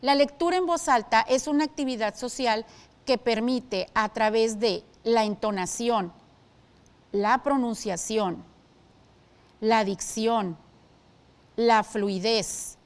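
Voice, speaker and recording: A woman teaching a televised school lesson, explaining clearly and steadily and asking her students questions. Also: fairly high pitch.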